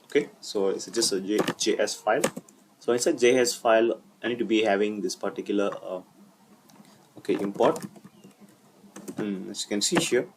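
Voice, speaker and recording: A man giving a screen-recorded coding walkthrough, talking haltingly with many fillers and self-corrections. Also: on the low side, steady tone, background noise. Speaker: coding tutorial instructor.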